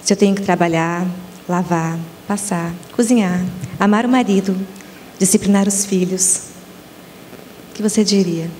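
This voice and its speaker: A Brazilian woman putting questions to the host in a relaxed, conversational way. Her mic sounds slightly distant, with faint room noise behind her voice. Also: mid-range voice, moderate pace. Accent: Brazilian Portuguese. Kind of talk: talk show questions.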